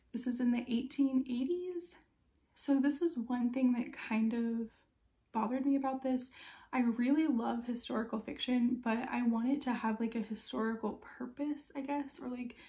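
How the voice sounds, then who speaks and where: A woman talks through a book review in a casual, chatty way. Her voice sits a bit high and has a heavy creak to it. She sounds conversational and informal, like a host talking straight to her viewers. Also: mellow. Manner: chatty and conversational, with frequent "like" and trailing asides.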